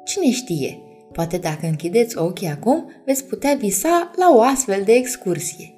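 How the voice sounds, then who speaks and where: A woman reading a bedtime story aloud, gently addressing the children listening. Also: medium pitch, lively intonation, soft background music.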